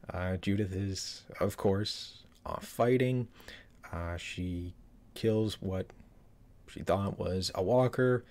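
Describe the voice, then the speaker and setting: This YouTube trailer reviewer, a man in his thirties, has a low-pitched, darkish voice and speaks slowly. His commentary is casual and rambling, recorded in a small room and full of fillers and false starts.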